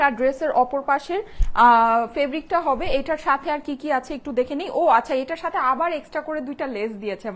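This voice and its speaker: Fast-talking woman selling on a live stream. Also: high voice, fairly bright tone. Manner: chatty, repeats ordering instructions. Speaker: online shop seller.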